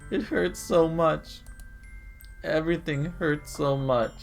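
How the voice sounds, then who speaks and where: Guy doing a weepy shy schoolgirl, higher pitched and pleading, quiet game music behind. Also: slow pace, gravelly. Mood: tearful. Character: sad anxious teenage girl, shy and self-doubting. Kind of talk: reading visual novel dialogue aloud.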